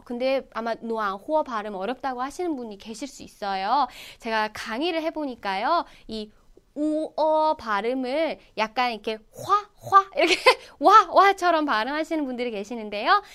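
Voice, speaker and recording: A woman's voice: high voice, smooth. A woman teaching Chinese in Korean, coaxing her students to repeat phrases aloud with her. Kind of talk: online language lesson.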